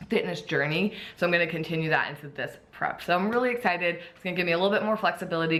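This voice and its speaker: An enthusiastic woman vlogger with a bright, forward voice that sits a little low. She chats casually and eagerly, and her words carry a slight lisp from the clear aligners on her teeth. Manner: upbeat, enthusiastic, chatty. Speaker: vlogger, bikini competitor. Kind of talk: casual vlog talk.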